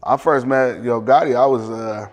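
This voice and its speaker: A man's voice: medium pitch, fairly even intonation, moderate pace, long reverb tail. A man with a Detroit accent chatting casually as an interview guest, with slangy, profane, streetwise phrasing. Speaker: music producer, interview guest. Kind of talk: casual chat.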